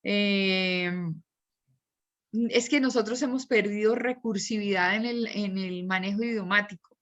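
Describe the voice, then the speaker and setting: A woman's voice: mid-range voice, fairly even intonation, measured pace, fairly bright tone, muffled recording. A woman teacher explaining at length and working through examples during an online class.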